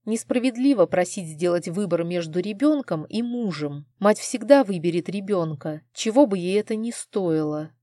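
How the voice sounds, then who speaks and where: A woman's voice: medium pitch, expressive, moderate pace, few pauses, dark tone, no room sound, clean studio sound. A woman narrating a first-person novel as an audiobook, reading with an emotional, heartfelt manner.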